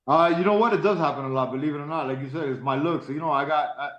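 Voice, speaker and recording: Man in his forties, halting and candid. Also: fairly high pitch, a bit bright. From Miami, Florida. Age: 40s. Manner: halting, repeats words, casual profanity. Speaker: guest, professional fighter. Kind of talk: candid interview storytelling. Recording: roomy, dull lo-fi sound.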